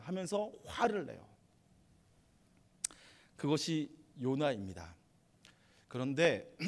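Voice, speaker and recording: Storytelling male pastor, slightly high. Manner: conversational storytelling, animated retelling. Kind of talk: sermon.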